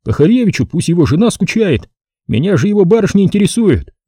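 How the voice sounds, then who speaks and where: Sly flirtatious army captain, put on by a male reader, cheeky and wheedling, lively, mellow tone. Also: high-pitched, fast, slightly rough, no echo, clean studio sound, voice pushed up, exaggerated voice. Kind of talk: audiobook character voice.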